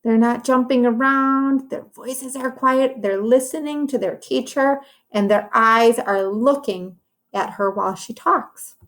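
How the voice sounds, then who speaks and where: Her voice leans high and a bit bright, and she reads unhurriedly. She is a teacher sharing a story with young children, keeping her phrasing simple and instructive while offering encouraging asides on the illustrations.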